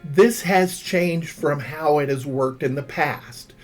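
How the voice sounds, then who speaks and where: Over background music, a man reads a scripted instructional narration as a tutorial narrator, guiding the listener step by step. His voice is on the high side and he speaks slowly.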